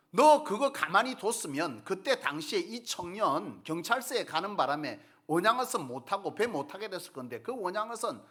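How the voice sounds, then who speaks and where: A man preaching a sermon, voicing the Lord as a stern male figure who scolds a gatekeeper slowly in a husky voice. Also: high voice, a bit bright, full character voice.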